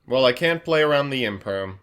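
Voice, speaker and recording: Excitable man commentating a card game stream. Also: mid-range voice, fairly quick, smooth. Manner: excitable, chatty, reads chat aloud and laughs at his own jokes. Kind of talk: casual live-stream commentary while playing a card game.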